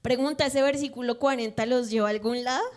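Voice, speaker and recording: A woman's voice: on the high side, steady tone, fast talker. Conversational woman preaching a sermon. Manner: conversational, asks the congregation questions. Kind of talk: expository sermon.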